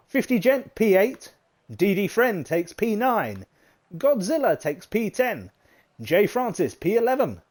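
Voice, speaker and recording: A man giving live commentary on an online racing league, excitable and chatty with plenty of fillers. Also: sits high. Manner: excitable, chatty, British turns of phrase, frequent fillers. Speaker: race commentator.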